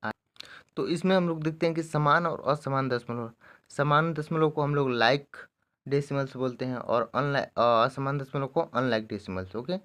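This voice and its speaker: A man teaching a maths lesson, explaining each step slowly and often checking in with his students. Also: mid-range voice, a bit bright. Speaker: math teacher.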